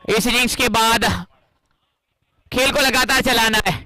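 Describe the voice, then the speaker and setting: An Indian man calls a cricket match as an excited live commentator. His voice is high and strikingly forceful, with a dry, close sound. He is dramatic and emphatic. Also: unhurried, no room sound, rough recording. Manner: dramatic, emphatic, rising into exclamation at key moments.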